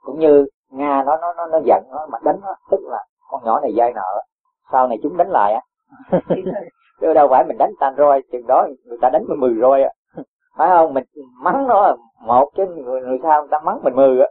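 Buddhist teacher, man, husky, gently admonishing; tinny phone-like recording. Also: mid-range voice, expressive, a little fast. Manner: gently admonishing, rhetorical questions, chuckles. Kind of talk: question-and-answer dharma talk.

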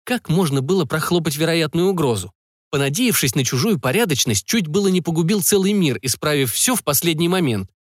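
A male audiobook narrator with a slightly high, lively voice, musing wryly on the story. The recording is dry and close. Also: a little fast, no echo.

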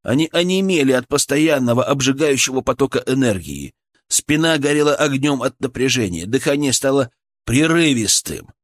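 A male audiobook narrator reading a first-person fantasy story. His delivery is tense and dramatic, and he builds urgency as he reads. He sits at an ordinary middle pitch. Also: expressive, moderate pace.

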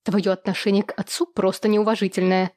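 A woman's voice: little pitch movement, fairly quick, dry recording, clean studio sound, close to an everyday voice. A woman reading an audiobook, voicing a spiteful, haughty young woman who hisses and sneers. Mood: indignant. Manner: shrill, sneering and shouting.

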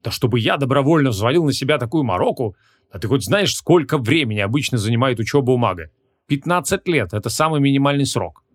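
A man's voice: lowish voice, fast, hardly any pauses, close to an everyday voice. A male audiobook narrator voicing an arrogant, irritable male archmage who barks orders. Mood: indignant. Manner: barking, scornful.

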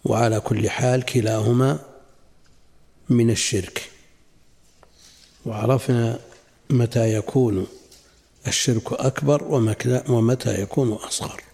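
An older man, a sheikh, teaching a classical religious lesson in a measured way, repeating phrases and asking rhetorical questions. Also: medium pitch, fairly even intonation, vocal fry, mellow, slightly rough.

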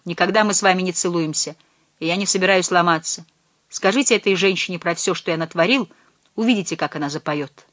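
A woman's voice: lowish voice, fast, fairly bright tone, dry recording. A woman reading the part of a wary, defiant ten-year-old boy in an audiobook, in a grumbling, blunt manner. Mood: sulky.

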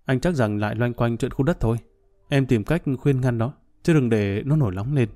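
A man voicing a sly, scheming middle-aged man who brushes off worries in a smooth, dismissive way, in a storybook reading. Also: medium pitch, moderate pace, dark tone, lightly acted.

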